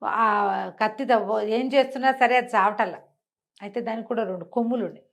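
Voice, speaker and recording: On a web show, a woman storyteller spins a fantasy folk tale conversationally, leaning on rhetorical questions and repetition. Her voice is fairly high and creaky, and she speaks a little fast.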